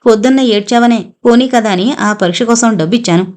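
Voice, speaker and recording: A woman voicing a gentle, doting grandmother over sixty who coaxes and consoles a crying grandchild in an audiobook novel. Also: on the high side, brisk, close to an everyday voice. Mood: consoling. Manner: coaxing, consoling. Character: gentle elderly grandmother, fond and soothing.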